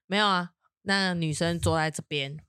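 Lively woman telling a story. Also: moderate pace, clear, resonant tone, no room sound, clean studio sound. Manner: animated, swings into high laughing bursts when upset. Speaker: podcast co-host. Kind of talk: casual storytelling chat.

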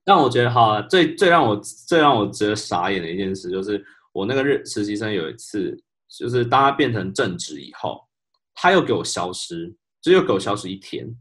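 A man co-hosting a podcast, telling work stories in a casual chat. He is animated, laughs often and drops English words into his speech. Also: on the low side, fairly quick. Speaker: podcast co-host.

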